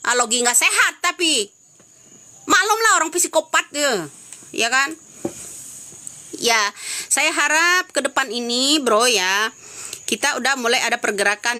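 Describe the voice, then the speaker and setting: Scolding high-voiced woman on a live stream. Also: animated, unhurried, long pauses, bright, forceful tone. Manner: scolding, repetitive, rhetorical questions. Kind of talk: angry live-stream commentary.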